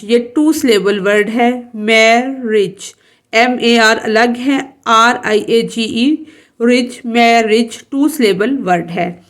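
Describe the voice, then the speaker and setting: Slow, higher-voiced woman teacher. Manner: reads English slowly, explains in Urdu, spells out letters. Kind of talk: recorded textbook lesson.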